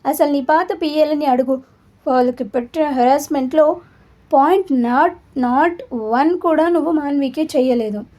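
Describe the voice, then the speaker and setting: Brief: sly male inner-voice double, playful and slow; woman narrator does him. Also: high-pitched, a little mellow, close to an everyday voice. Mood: teasing. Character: man's mocking conscience, his teasing double.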